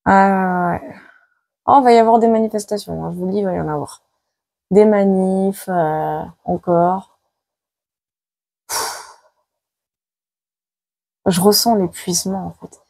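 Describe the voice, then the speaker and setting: This woman psychic speaks at a medium pitch and a measured pace, her voice gravelly and mellow, with frequent pauses and no room sound. During a live tarot video, she delivers dramatic predictions, repeating her words with many exclamations and seeming drained by the heat.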